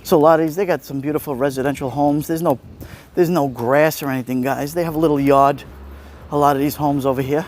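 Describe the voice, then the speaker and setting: A higher-pitched Brooklyn Italian-American man talks fast in a steady, slightly mellow voice. He's a livestream host walking a city street outdoors and casually replying to viewers, with street ambience and passing vehicles in the background.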